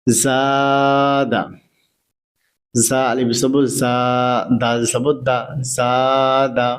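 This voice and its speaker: A man with a Bengali accent teaching Quran reading, spelling letters out one by one in a measured recitation drill. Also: mid-range voice, monotone, clear, resonant tone. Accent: Bangladeshi Bengali. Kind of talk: slow spelling-out recitation lesson.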